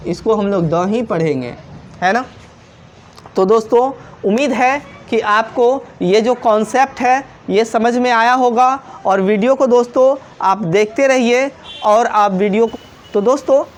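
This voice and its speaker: A woman teaching a grammar lesson in Hindi at a board, repeating points and asking rhetorical questions, with examples. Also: a little high. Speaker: English teacher.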